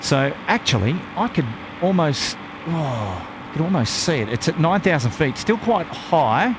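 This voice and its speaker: A man's voice: fairly high pitch, sing-song, unhurried, noisy background. A man hosting a live stream with casual, matey, rambling plane-spotting commentary and frequent hesitations.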